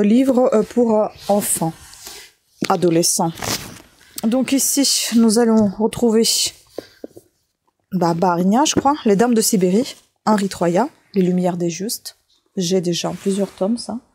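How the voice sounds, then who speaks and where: A woman's voice: mid-range voice, mellow, husky. A woman chatting casually while sorting and cleaning old books, thinking aloud and tagging sentences with little asides. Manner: chatty, thinking aloud while handling items, frequent "hein". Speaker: vlogger sorting books from bulky-item collection. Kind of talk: casual running commentary.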